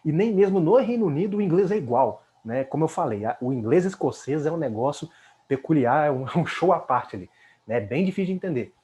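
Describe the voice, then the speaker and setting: A man's voice: on the high side, lively intonation, a little fast, mellow. Chatty Brazilian man teaching English. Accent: Brazilian Portuguese. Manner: chatty, fills with "né?" tag questions. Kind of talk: casual explanatory lesson.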